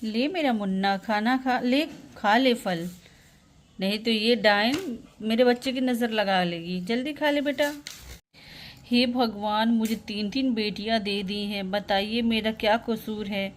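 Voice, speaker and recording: A woman's voice: a little high, a little slow, slight background noise, voice pushed down, natural voice. A woman voicing a harsh village mother who scolds her daughters and dotes on her son, nagging and insulting them. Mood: scolding.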